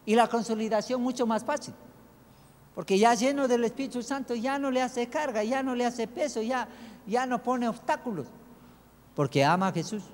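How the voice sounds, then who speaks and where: Guy preaching, pretty high voice, asks lots of questions, big echoey church. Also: normal speed, a little mellow. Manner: emphatic preaching with rhetorical questions. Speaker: pastor. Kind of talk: sermon.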